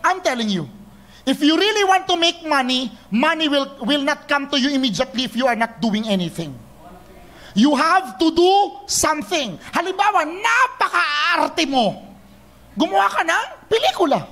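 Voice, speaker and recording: Man, high voice, animated teasing sermon, young adult. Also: normal speed. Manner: animated, mixes Tagalog and English, teasing the congregation. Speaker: preacher.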